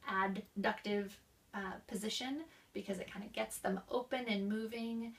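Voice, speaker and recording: Slow-talking woman teaching voice exercises. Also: mid-range voice, creaky, fairly bright tone, distant mic. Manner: demonstrates exercises with coughs, sighs and slow linked speech. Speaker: voice instructor. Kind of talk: explaining voice exercises.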